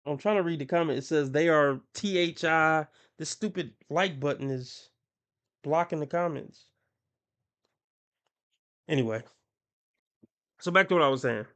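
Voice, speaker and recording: A man's voice: fairly high pitch, unhurried, pauses often, a bit bright. A man hosting a reaction commentary, talking with a mocking tone, often laughing and putting on voices to quote people. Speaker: commentary channel host.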